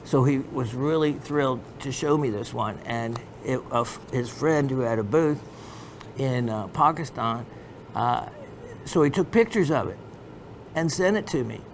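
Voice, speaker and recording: A man's voice: mid-range voice, measured pace, slight background noise. A man hosting a gemstone shopping show, giving a meandering educational sales talk full of fillers and restarts.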